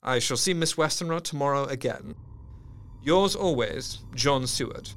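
An actor playing an earnest young doctor, reading letters and diary entries in a measured way. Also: male voice, medium pitch, lively intonation, background noise, close to an everyday voice.

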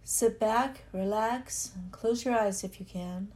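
A woman leading a guided meditation in a soothing, unhurried way, leaving long pauses between phrases. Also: mid-range voice. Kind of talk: slow guided meditation narration. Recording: echoey, loud ringing hum behind voice. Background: singing bowls and chimes.

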